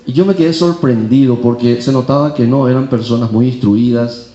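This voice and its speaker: A man's voice: mid-range voice, fairly quick, warm tone. A middle-aged man preaching a sermon with personal testimony, telling stories with humor and acting out the voices of people he quotes. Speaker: preacher at a charismatic renewal gathering. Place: large hall at a national gathering. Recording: echoey hall, dull sound.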